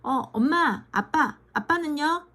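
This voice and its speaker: A woman voicing an eager little schoolgirl who adores her dad, reading a children's storybook in an excitable, pleading way. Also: sits high, slow, pitched above the performer's own voice, exaggerated voice. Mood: anxious.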